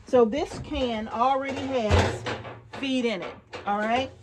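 Filming her outdoor wooden barn on a phone at arm's length, a chatty homesteader vlogger gives a casual show-and-tell, often addressing viewers and checking in. Her voice is on the high side and unhurried, and the recording is very noisy.

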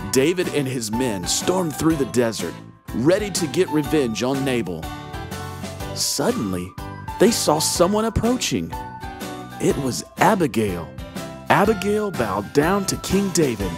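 A woman narrating a children's Bible story in a slow, expressive storytelling manner. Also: extremely low pitch. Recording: music bed underneath.

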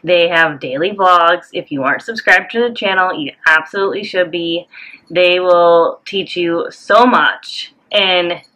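A woman's voice: on the low side, unhurried, sharp tone. A woman co-hosting a vlog in casual chat, upbeat and teasing. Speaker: channel co-host.

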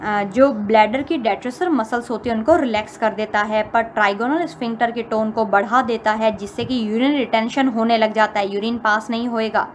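A woman lecturer teaching pharmacology, reading English lines slowly and then explaining them again in her own words. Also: fairly high pitch. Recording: faint background noise.

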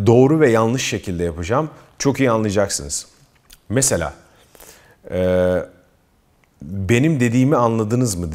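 A man's voice: mid-range voice, darkish tone. A man giving self-improvement advice to his viewers, earnest and emphatic, often addressing them as friends. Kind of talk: advice talk to camera.

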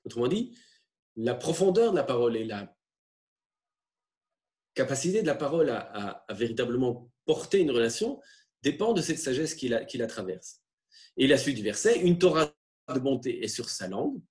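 A man lecturing on religious texts, explaining in a halting way with frequent tag questions. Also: mid-range voice, sing-song, darkish tone.

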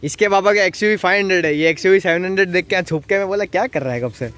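A man's voice: high voice, very fast, fairly bright tone. A young man from Surat vlogging outdoors in his housing society, casually teasing and coaxing the neighborhood kids. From Surat, India. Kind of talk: casual vlog chat. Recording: noisy outdoor street.

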